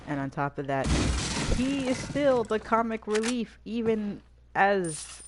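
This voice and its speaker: A woman's voice: mid-range voice, expressive, slow pace, noisy background. Scattered, self-deprecating woman gamer. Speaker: gamer reviewing a film. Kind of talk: casual rambling commentary.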